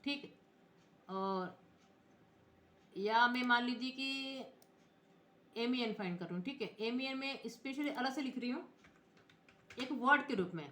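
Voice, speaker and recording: Female computer teacher: high, bright voice, patient step-by-step explanations, echoey room sound. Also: unhurried, long pauses. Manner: explains step by step, spells out letters, often checks in with viewers. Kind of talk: screen-recorded software tutorial.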